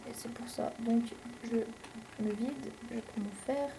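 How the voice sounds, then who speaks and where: Une jeune femme à l'français commente sa partie de jeu vidéo sur un ton décontracté et bavard, avec beaucoup d'hésitations. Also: female voice, on the high side, fairly even intonation, a little slow, vocal fry, noisy background. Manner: rambling, chatty, many fillers. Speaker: let's play host. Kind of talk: casual gameplay commentary.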